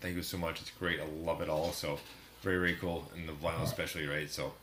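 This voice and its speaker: Deep-voiced man hosting a music show. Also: level tone, fast, a crowd in the background. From Canada. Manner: laid-back, rambling, laughs often. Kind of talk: casual podcast chat.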